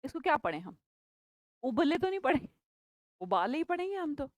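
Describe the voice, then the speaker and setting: A woman's voice: high-pitched, big pitch swings, brisk, dry recording. A woman teaching English vocabulary in a live online class, chatty and playful, teasing her students by name.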